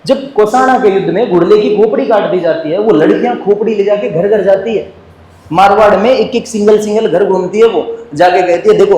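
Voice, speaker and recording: Guy teaching a class, high voice, jokes a lot, quizzes the room, echoey with a bit of hiss. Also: a little mellow. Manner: joking, asks the class questions and answers them. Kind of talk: lively classroom lecture.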